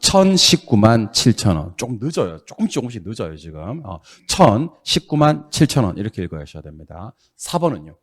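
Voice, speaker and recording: Brisk, scolding Korean lecture-hall teacher. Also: male voice, lowish voice, sing-song. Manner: brisk, scolding, teasing, loud bursts of exasperation. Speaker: real estate exam instructor. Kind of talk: classroom lecture drilling students.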